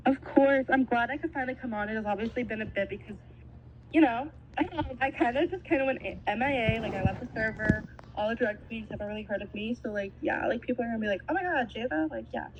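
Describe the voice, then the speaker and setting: A woman's voice: fairly high pitch, quick pace, slight background noise, rough recording. A woman from Canada talking as a podcast guest, blunt, profane and playful. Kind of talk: casual chat.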